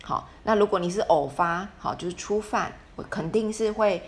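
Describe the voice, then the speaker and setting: In an informal conversation, this mother tells a parenting anecdote, quoting what people said and restarting her sentences again and again. Her voice is mid-range and her pace moderate, with slight noise in the background.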